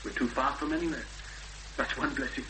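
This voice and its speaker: In a 1970s radio drama, an actor plays a cautious, courteous rural policeman with a Welsh accent, using a halting, official delivery that comes across polite and wry. His mid-range voice is natural and steady, and the old radio recording carries loud hum and noise.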